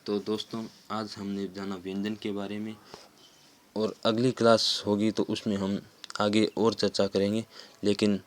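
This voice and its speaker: A man's voice: on the low side, flat delivery, measured pace. A man teaching a grammar lesson, patiently explaining step by step with examples.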